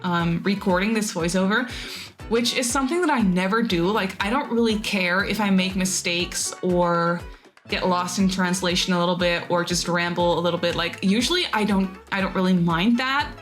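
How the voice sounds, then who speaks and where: A woman whose first language isn't English narrates a speed build video for her Sims YouTube channel in a casual, rambling voiceover. Her voice is lowish and her speed normal, with faint music behind her. She laughs at herself now and then and fills gaps with "um" and "like," with many restarts.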